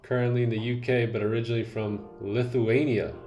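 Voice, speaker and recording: A man hosting a live trading stream in casual chat, relaxed and slangy, greeting viewers by name. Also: mid-range voice, brisk, faint music behind. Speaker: livestream host and day trader.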